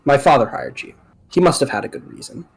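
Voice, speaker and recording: A man's voice: medium pitch, animated, quick pace, gravelly, slightly rough. A man voicing an earnest young mercenary commander, cautious but decisive, in a game read-aloud.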